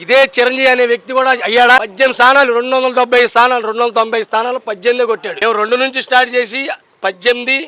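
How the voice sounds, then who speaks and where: Brief: young man, high bright voice, fast combative street-poll talk, handheld mic outdoors. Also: flat delivery, clean tone. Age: young adult. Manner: emphatic, combative, keeps repeating rhetorical questions. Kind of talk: impassioned political street talk.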